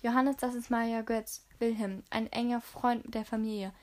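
A woman voicing a composed mother in an audiobook, polite and measured. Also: fairly high pitch, steady tone, lightly acted. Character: composed mother, controlled but nervous.

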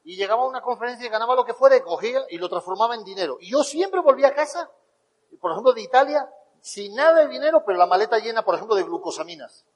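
A man with a Spain Spanish accent giving a motivational talk, telling animated stories and acting out the dialogue. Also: extremely high pitch, fast, long reverb tail, low-quality recording. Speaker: motivational speaker.

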